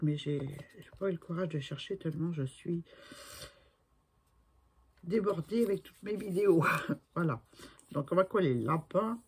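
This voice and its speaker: Slow-talking woman in her sixties. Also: sits low, darkish tone, husky. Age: 60s. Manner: chatty, talks to herself while working, often trails off to a murmur. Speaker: crafting video maker. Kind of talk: casual crafting tutorial.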